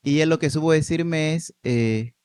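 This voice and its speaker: A man, a priest, telling his personal story in a podcast interview, with animated storytelling and light laughs. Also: on the high side, moderate pace, smooth.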